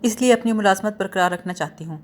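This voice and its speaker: A woman's voice: mid-range voice, a little hiss or hum, close to an everyday voice. A woman voicing an anxious young schoolteacher who supports her family, curt and defensive.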